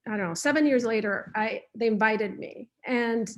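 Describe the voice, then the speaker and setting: A woman's voice: fairly high pitch, moderate pace. Woman artist from Patagonia on a video call. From Patagonia, Argentina. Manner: thoughtful, with frequent restarts and fillers. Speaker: visiting artist speaker. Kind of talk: online artist talk and Q&A.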